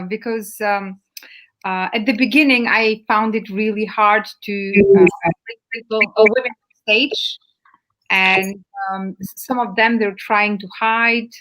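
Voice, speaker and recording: A woman's voice: medium pitch, a bit bright, poor audio. A middle-aged woman guest, not a native English speaker, talking hesitantly with many fillers.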